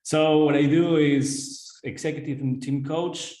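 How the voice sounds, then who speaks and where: A man's voice: fairly high pitch, steady tone, unhurried, dark tone, reverberant, poor audio. A man from Argentina with an Argentine Spanish accent, an executive coach giving a webinar presentation over a video call, earnest and direct, often checking in with "right?". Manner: earnest, addresses audience directly, frequent "right?" tag questions.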